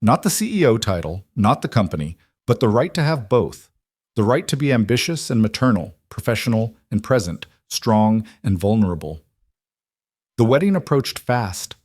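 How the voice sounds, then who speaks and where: A man narrating a fictional story in an even, measured storytelling manner. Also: fairly low pitch, breathy edge, no echo, clean studio sound.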